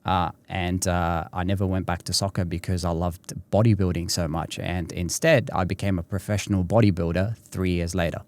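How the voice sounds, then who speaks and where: Animated lower-voiced male podcast guest. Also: normal speed, hardly any pauses, dry recording. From Tunisia. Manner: animated storyteller, often says "literally" and "uh". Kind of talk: storytelling in casual conversation.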